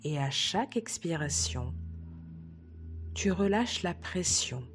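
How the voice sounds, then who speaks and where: A woman sophrologist leading a guided relaxation session, speaking softly and soothingly, sometimes dropping to a whisper. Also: fairly low pitch, lively intonation. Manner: soft, slow, soothing guidance, drops to a whisper at times. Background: soft background music.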